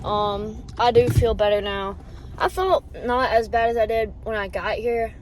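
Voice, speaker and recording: A woman's voice: a little high, a little slow, slight background noise, rough recording. A woman chatting casually and candidly to the camera in a rambling, informal running vlog. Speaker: running vlogger.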